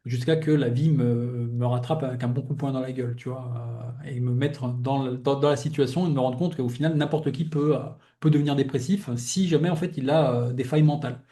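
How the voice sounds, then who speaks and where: A young adult man hosts a casual heartfelt conversation, his voice mellow and warm at a middling pitch. He muses out loud in a loose, rambling way, circling back and restarting his thoughts. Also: steady tone, fairly quick, hardly any pauses. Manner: reflective, rambling, fills with "tu vois". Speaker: podcast host interviewing a guest.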